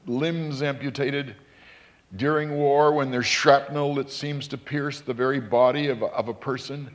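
A man, a pastor, delivering a measured, emphatic sermon that rises in intensity. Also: medium pitch, fairly even intonation.

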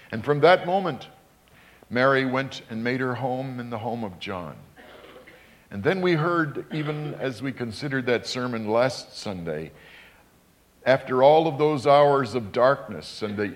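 Man preaching an emphatic sermon. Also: mid-range voice. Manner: measured, emphatic preaching with rising intensity. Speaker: pastor.

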